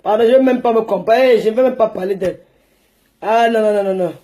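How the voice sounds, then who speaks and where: A high-pitched middle-aged woman with a Cameroonian French accent rants straight at her viewers. She talks in a rambling, combative and mocking way and raises her voice to a shout at times. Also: quick pace, slight background noise. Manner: chatty, rambling. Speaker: vlogger. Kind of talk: ranting vlog monologue.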